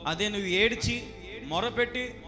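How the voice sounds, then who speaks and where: A pastor preaching a fiery sermon, acting out dialogues and shouting hallelujahs. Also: male voice, high voice, normal speed. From Kadapa region, Andhra Pradesh. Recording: reverberant hall with background music.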